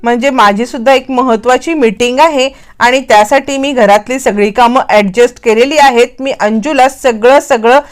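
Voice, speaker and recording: A woman's voice: a little high, normal speed, natural voice. A woman voicing a feisty young wife who snaps back and scolds in a domestic squabble. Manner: snappy, scolding retorts.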